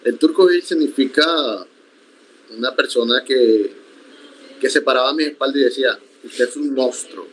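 Over a video call from a room in his home, a young accordionist from Colombia's Sierra Nevada de Santa Marta calmly answers interview questions, Iku being his first language. His medium-pitched voice comes through a rough recording, and he speaks in a measured, reflective way, often restarting his sentences.

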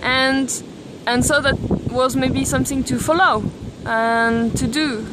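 A young Belgian vlogger films a casual selfie vlog at arm's length on a windy beach, talking thoughtfully with many pauses and restarts. Her voice is high-pitched and steady in tone. Wind noise hits the mic.

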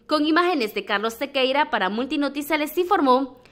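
A woman's voice: high-pitched, expressive, fairly quick, a bit bright. A woman reading scripted narration as a television news reporter.

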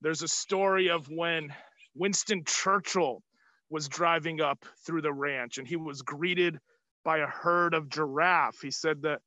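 Male tour guide, high bright voice, projecting through a face mask for a kids' live tour. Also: fairly even intonation, unhurried, no room sound. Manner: projecting, upbeat, asking the audience questions. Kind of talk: live virtual tour for children. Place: outdoors on an open hilltop terrace. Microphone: phone or camera at arm's length, video call.

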